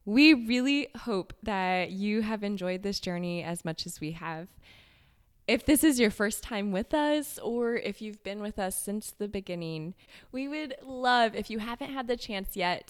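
A woman co-hosting a podcast, talking in a halting way with many restarts and fillers. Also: mid-range voice, animated, clear, resonant tone. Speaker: podcast co-host. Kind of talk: casual podcast chat.

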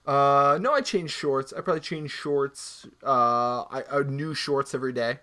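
A man's voice: medium pitch, bright, forceful tone. Man, casual podcast co-host, rambling and joking, mid-range voice. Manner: joking, rambling, quick asides. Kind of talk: casual chat.

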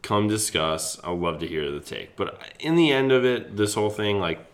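A young man with a very low, deep voice co-hosts a casual sports talk show. He talks in a lively, rambling way and swears freely. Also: moderate pace. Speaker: podcast co-host.

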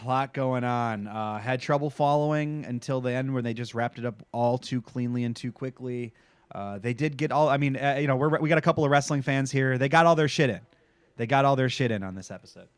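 A man's voice: mid-range voice, a little fast, smooth, no room sound. A man co-hosting a casual TV recap chat, talking emphatically and swearing freely. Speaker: podcast co-host.

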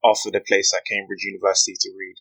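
A young man, giving an earnest, measured account as a podcast interview guest. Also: deep voice, monotone, fairly bright tone, poor audio. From West London, UK. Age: 20s. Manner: earnest, measured storytelling with frequent "you know". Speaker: guest, aspiring barrister.

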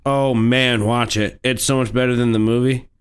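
A man's voice: mid-range voice, fairly even intonation, normal speed, clear, resonant tone. A man co-hosting a casual podcast, rambling enthusiastically with lots of fillers. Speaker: podcast co-host.

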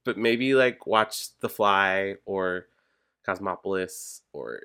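Male podcast co-host, low but forceful voice, animated, exclamatory, chatty pop culture style. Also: takes it slowly, clear, resonant tone. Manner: animated, exclamatory, swears freely. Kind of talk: casual pop culture chat.

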